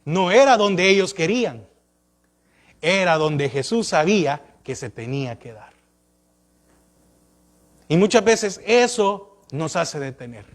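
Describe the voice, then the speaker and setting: Male pastor, high voice, preaching sermon with lots of rhetorical questions. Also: expressive, slow pace, pauses often. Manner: questioning the congregation, rising and falling emphasis.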